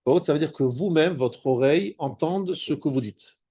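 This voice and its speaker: A man, a rabbi, teaching a spoken Torah lesson, explaining patiently and slowing down on Hebrew terms. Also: a little high, mellow, breathy edge, highs cut off. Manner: explanatory, repeats and restarts words, stresses Hebrew terms slowly.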